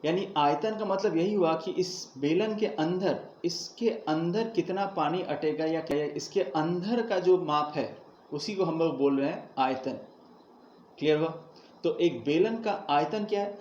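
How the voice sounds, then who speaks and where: A man's voice: on the high side, a little slow, darkish tone. A man teaching a math lesson, explaining step by step and asking his students questions that he then answers himself. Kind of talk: classroom math lesson at a board. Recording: echoey room, dull lo-fi sound, faint hiss.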